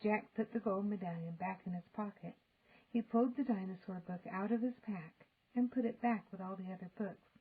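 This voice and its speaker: An older woman reading a children's story aloud in an expressive, deliberate storytelling manner. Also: mid-range voice, breathy edge, phone-quality sound. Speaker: storybook reader. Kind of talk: expressive children's audiobook narration.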